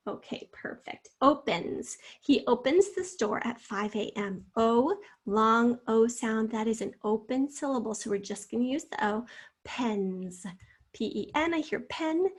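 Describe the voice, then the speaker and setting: A woman teacher giving a spelling lesson, slowly sounding out syllables and speaking encouragingly to her students. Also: on the high side, husky. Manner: slow, drawn-out sounding out of words; encouraging, addresses students directly.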